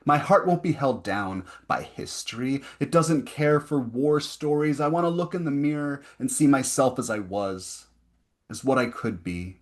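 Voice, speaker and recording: A young adult man at an online poetry reading, reading his poems slowly and deliberately with chatty, filler-heavy asides between them. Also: medium pitch, animated. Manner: slow, deliberate reading with rising emphasis on repeated lines. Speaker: poet reading his work.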